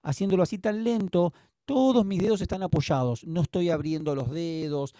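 With a Rioplatense Spanish accent, a drum teacher patiently and encouragingly walks students through an online lesson over a video call. His voice sits high with a dark tone at normal speed, recorded at studio quality with no room sound.

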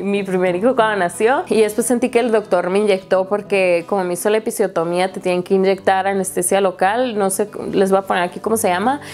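A young woman talking straight to her camera at a middle pitch. Her delivery is chatty and candid, filled with casual fillers and frequent laughter. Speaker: vlogger.

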